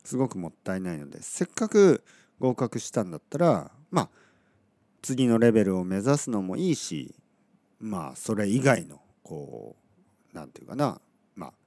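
A man from Oita in Kyushu chats through a casual podcast monologue, teaching Japanese with many soft fillers and correcting himself mid-stream. He has a lowish, slightly scratchy voice, and there is no room sound.

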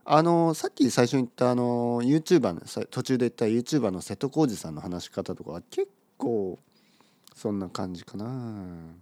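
A man's voice: medium pitch, lively intonation, moderate pace, warm tone, dry recording. A man teaching a casual spoken lesson for language learners, friendly and encouraging, sometimes dropping into mumbled demonstrations.

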